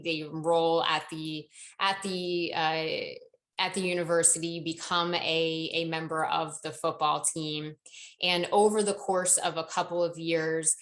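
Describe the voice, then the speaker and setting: A woman's voice: lowish voice, fairly bright tone. A woman presenting a corporate training webinar, talking through examples in a conversational way.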